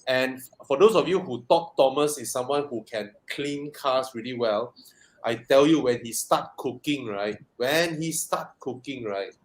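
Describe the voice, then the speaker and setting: A man's voice: mid-range voice, measured pace. A man with a Malaysian accent hosts a casual live chat, talking in a jokey, colloquial style full of banter. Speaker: host.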